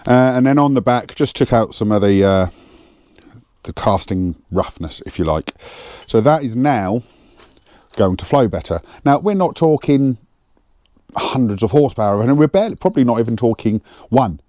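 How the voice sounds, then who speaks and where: Bloke waffling in his garage, low mellow voice, dry close lapel mic, lots of ums. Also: no echo. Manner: rambling, thinks aloud with fillers. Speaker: home mechanic vlogger. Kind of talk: casual workshop chat. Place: home garage. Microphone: clip-on lapel mic.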